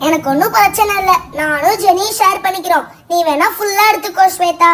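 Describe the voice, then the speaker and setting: A left-out little girl with a very high, childlike voice whines that nobody includes her, as a woman puts her on. She sounds hurt and pleading. It fits a homemade doll-play story. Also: fast, fairly bright tone. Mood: kind. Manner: whiny, hurt.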